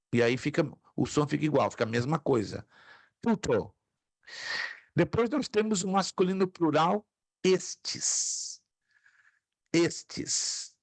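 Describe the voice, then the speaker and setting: Man, teacher, slow and patient, repeats words, dry close sound. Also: on the high side, gravelly, no echo. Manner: patient, drills pronunciations by repeating them; jokes lightly with students. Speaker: Greek teacher. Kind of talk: online lecture. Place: home office.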